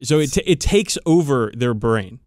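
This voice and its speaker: This podcast co-host has a mid-range, slightly mellow voice with lively intonation and a moderate pace, captured in echo-free studio quality. Casual and excited, he riffs on tabletop game lore and swears freely.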